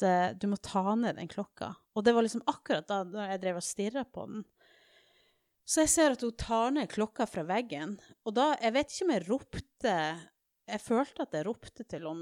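A woman in casual chat, telling a lively personal story and quoting herself along the way. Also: mid-range voice, no room sound, studio quality. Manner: animated storytelling, switches to English when quoting herself.

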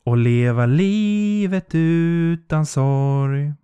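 A man voicing a haunting, ghostly singing voice that drags out each line slowly, as if heard from a distance. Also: sits high, a little mellow, clean tone, dry recording, voice pushed up, close to an everyday voice. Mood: eerie. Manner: slow, drawn-out singing.

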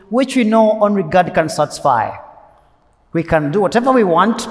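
A man with a high-pitched voice preaches a Sunday homily in a large church. His delivery is earnest and emphatic, and he circles back to key phrases. A long cathedral echo trails after each line. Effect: cathedral echo, long church reverb. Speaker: priest.

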